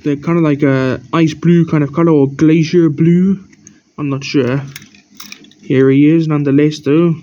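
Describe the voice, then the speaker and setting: A man with a somewhat high, mellow voice talks through his collection in a casual, halting ramble, pointing out little details one at a time. He sounds tired and keeps breaking off to yawn. The recording is dull and lo-fi. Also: fairly even intonation. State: tired, yawning often. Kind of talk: casual show-and-tell narration.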